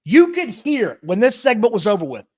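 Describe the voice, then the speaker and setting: A man co-hosting a podcast, talking in an animated, opinionated way in casual chat. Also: high voice, normal speed. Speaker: podcast co-host.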